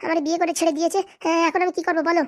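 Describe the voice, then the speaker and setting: A woman's voice: extremely high pitch, flat delivery, racing. A woman voicing a bold, jilted young wife in a cartoon comedy who complains insistently and demands money. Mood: aggrieved.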